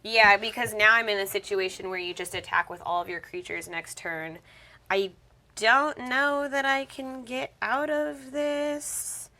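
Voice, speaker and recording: Bright-voiced woman thinking aloud at cards. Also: a little high, measured pace. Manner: muttering, self-questioning. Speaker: card game player. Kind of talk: thinking aloud during a card game.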